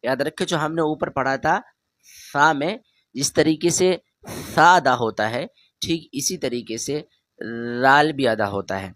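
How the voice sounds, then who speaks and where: Male Quran teacher, patient and direct, drawn-out letter demos, dry close recording. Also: fairly high pitch, no room sound. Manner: patient, repeats each letter loudly and drawn out; talks straight to the learner, asks them to repeat. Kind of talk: beginner Arabic letter lesson.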